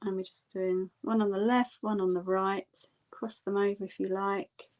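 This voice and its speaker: A woman giving a casual step-by-step painting demonstration as an art instructor, in a gentle, encouraging manner. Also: medium pitch, little pitch movement, moderate pace. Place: indoors at a tabletop.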